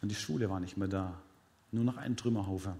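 A man's voice: on the low side, quick pace, creaky, warm tone. A man preaching a sermon, retelling a story dramatically with repeated counting and speaking directly to his congregation.

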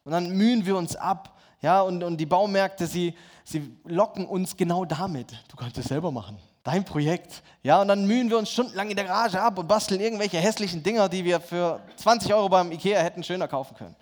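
A middle-aged man from Germany delivers a sermon with a somewhat high voice. He tells stories and acts out conversations, switching between voices for himself and for God. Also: brisk, few pauses. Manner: storytelling, acts out dialogue with God in shifting voices. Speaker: pastor.

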